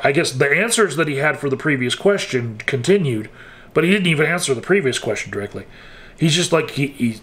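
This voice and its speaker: A man at an ordinary mid pitch delivers casual, frank commentary. His tone is wry, and he often pauses, hesitates and restarts mid-sentence as he thinks aloud. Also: fairly bright tone. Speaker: political commentator.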